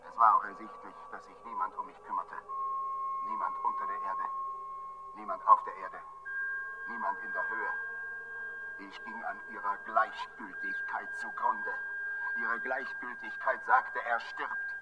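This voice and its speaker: A man narrating a literary story in a slow, brooding dramatic reading that swells in force. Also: lowish voice, level tone. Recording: loud background noise.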